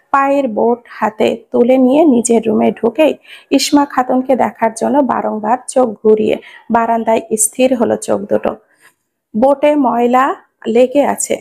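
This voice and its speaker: A woman's voice: fairly high pitch, creaky, darkish tone, breathy edge. A woman narrating a story in a scripted audiobook reading, voicing each character close to her own voice. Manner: reads every character in near her own voice.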